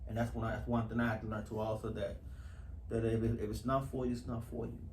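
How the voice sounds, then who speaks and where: The voice is fairly low and darkish, delivered flatly by a fast-talking man. He's an actor from Houston in an interview, casual and earnest, repeating phrases to stress them, in an echoey room with faint background noise.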